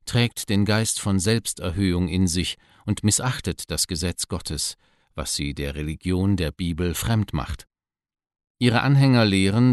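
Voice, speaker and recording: A man giving a measured, solemn scripted devotional reading. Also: low voice, a little mellow, dry recording, studio quality.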